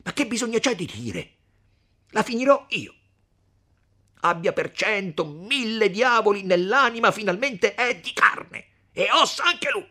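A man voicing a hot-tempered young man in a storybook reading, shouting fiercely in a high, strained voice. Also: sing-song, measured pace, breathy edge, exaggerated voice. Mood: furious.

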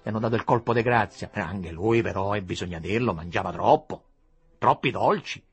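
A man voicing a frantic, tearful noblewoman who breaks into shrill outbursts. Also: animated, fairly quick, slightly rough, faint music behind, exaggerated voice. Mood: scolding.

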